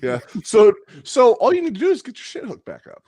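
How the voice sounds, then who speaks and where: A man's voice: very high voice, wildly swooping pitch, fairly quick, dark tone, no echo. A man co-hosting a casual podcast, teasing his friends and laughing often. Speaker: co-host.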